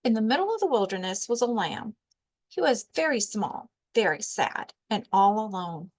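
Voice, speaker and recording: A woman with a mid-range voice reads a children's storybook aloud as a librarian storyteller. Her narration is deliberate and expressive.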